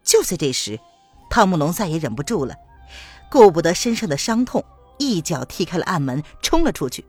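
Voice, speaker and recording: Expressive woman narrating a martial-arts novel. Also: lowish voice, moderate pace, slightly rough, faint music behind. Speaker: audiobook narrator.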